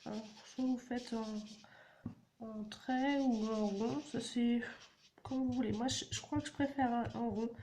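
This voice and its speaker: A woman's voice: on the high side, fairly even intonation, unhurried, dark tone. A woman, chatting through a card-making tutorial and explaining each step as she works. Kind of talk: casual crafting tutorial. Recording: audible background noise.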